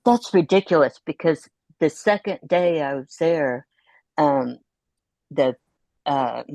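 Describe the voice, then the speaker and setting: A middle-aged woman talks as a guest on a video call, with a low voice and a dry, close sound. She tells her stories in a chatty way and laughs often. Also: animated, slow pace, warm tone, dry recording. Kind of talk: casual chat.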